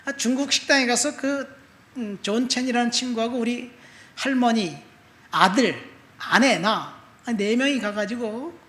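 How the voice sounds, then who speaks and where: A middle-aged male pastor preaching a sermon, telling a personal testimony and moving between soft asides and loud emphatic appeals. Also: very high voice, measured pace. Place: church sanctuary. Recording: echoey church room.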